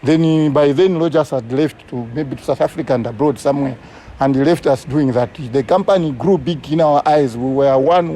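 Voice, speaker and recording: A man's voice: a little high, warm tone, slight background noise. A Zambian man, a community conservation coordinator, recounting his story earnestly in an interview. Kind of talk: interview recollection.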